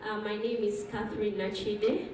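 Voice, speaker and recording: A woman's voice: medium pitch, level tone, normal speed, a little mellow. Upbeat woman from Uganda in an echoey hall. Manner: upbeat, rallying the crowd. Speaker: board member. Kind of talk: ceremony self-introduction. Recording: echoey hall from far off, noisy.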